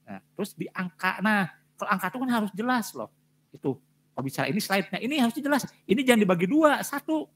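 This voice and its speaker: Fast-talking male lecturer giving feedback. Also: high voice, very animated, fairly bright tone, slightly rough. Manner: direct, repetitive emphasis with frequent fillers. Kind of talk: giving feedback on student presentations.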